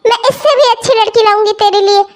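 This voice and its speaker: A woman's voice: very high-pitched, fairly even intonation, fast. A woman voicing a protective, fussing old grandmother in a cartoon who laments about her family. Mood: lamenting. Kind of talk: cartoon voice acting.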